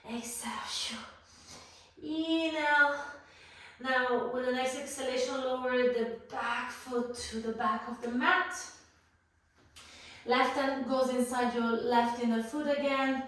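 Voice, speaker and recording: Breathy yoga teacher woman, slow and far. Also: fairly high pitch. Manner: calm cueing of breath and poses, playful asides. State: slightly out of breath from moving while talking. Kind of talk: guided yoga class instruction. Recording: roomy echo, voice far from the mic.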